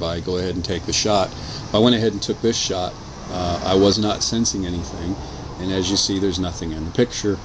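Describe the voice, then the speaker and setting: A man with a very deep voice gives an unscripted, casual narration of his photos. His delivery is measured and matter-of-fact. It sounds like a home recording, with clearly audible steady noise behind him. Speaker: narrator of own photo slideshow video.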